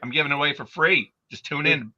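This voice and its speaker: Brief: man, 50s, panel co-host, forceful tense tone, lo-fi dull audio, playful storyteller. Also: on the high side, brisk. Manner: animated, jokey storyteller. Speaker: podcast co-host and writer. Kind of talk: casual panel chat.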